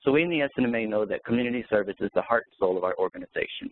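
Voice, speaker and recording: A man in his twenties, a medical student from Hawaii who was raised in North Carolina, giving a brisk, scripted presentation over a dry, tinny phone line. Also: fairly low pitch, animated. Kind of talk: prepared presentation.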